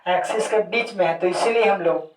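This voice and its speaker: A man's voice: sits high, fairly quick. A man teaching a chemistry lesson, often repeating key terms as questions to his students. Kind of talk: classroom lecture. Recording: echoey room, voice distant from mic.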